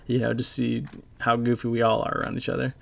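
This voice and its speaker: A young man giving a halting, casual voice-over over gameplay, full of fillers and swearing, as a clan leader recalling a friend. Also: mid-range voice, monotone, gravelly, fairly bright tone. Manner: halting, rambling, heavy with fillers; casual and profane. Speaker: gaming YouTuber and clan leader.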